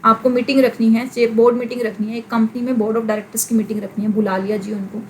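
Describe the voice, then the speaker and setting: A woman teaching a class, her voice sitting a touch high. She explains patiently with everyday examples, switching English terms into Hindi. A faint background hiss runs under the recording. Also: little pitch movement, quick pace, rough recording. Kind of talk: classroom lecture.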